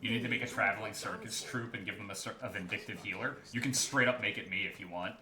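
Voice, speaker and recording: A man's voice: fairly low pitch, fast talker, echoey room, a crowd in the background. A man giving casual, sardonic and profane commentary as he plays a video game.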